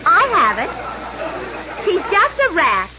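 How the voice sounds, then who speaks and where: An actress playing a sweet, lovelorn young heroine in 1930s radio comedy, plaintive and theatrical. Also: female voice, very high voice, huge pitch swings, very slow, a crowd in the background, exaggerated voice. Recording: muffled, noisy 1930s radio broadcast.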